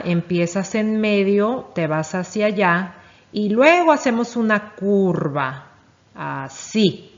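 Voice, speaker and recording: A woman leads a children's reading lesson at an unhurried pace. She is patient and encouraging, asking questions and praising each answer. The recording has a slightly dull, lo-fi quality. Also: medium pitch. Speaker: teacher.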